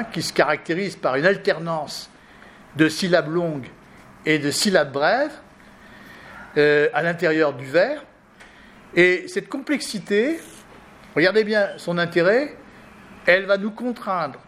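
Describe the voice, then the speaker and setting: Emphatic high-voiced man lecturing. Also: a little hiss or hum. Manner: emphatic, rhetorical questions, repeats phrases. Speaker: teacher. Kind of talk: lecture reading a philosophy text aloud.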